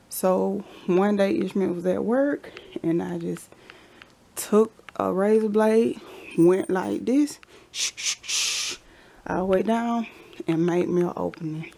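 Speaking slowly in a lowish, gravelly voice, a woman chats her way through a house tour vlog. She carries a handheld camera through the basement and hallways indoors, with a little background noise. Her manner is relaxed and chatty, occasionally falling to a whisper.

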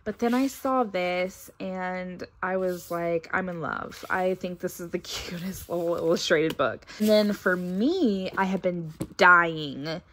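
A young woman narrating a casual haul video at home, thinking aloud as she sorts gifts, with a few soft laughs. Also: on the low side, slow, hardly any pauses. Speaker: vlogger. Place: carpeted room at home, indoors.

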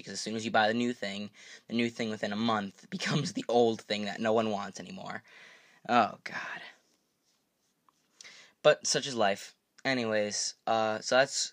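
A man's voice: lowish voice, a bit bright. A young man hosting a gaming channel, talking casually through a video update in a rambling way, often correcting himself and apologizing. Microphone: desk microphone.

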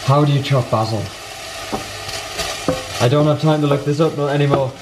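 Cooking noise runs behind a young male vlogger who chats casually in his home kitchen, bemused at himself as he muddles through a recipe. His voice sits a little high, with fairly even intonation and a normal speed.

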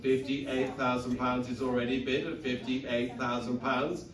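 A middle-aged man calls out bids from a lectern in a steady, repetitive auctioneer's rhythm. His voice sounds distant and echoes around an indoor saleroom. The murmur of a seated audience fills the space around him. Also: mid-range voice, a little slow, crowd noise. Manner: rhythmic, repetitive bid-calling patter. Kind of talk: live auction calling. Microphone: lectern mic, filmed from the audience seats.

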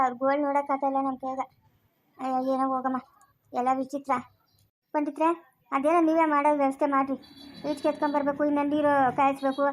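A woman's voice: high-pitched, lightly acted. A woman playing a flustered village neighbour. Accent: Karnataka rural Kannada. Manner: breathless, anxious chatter. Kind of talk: amateur family drama acting.

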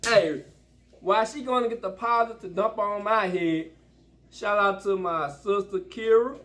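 Laughing dad hosting a family game at home, loud and joking, middle-pitched voice, faint hum behind. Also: male voice, unhurried. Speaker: family vlog host, father. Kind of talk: casual family game chat.

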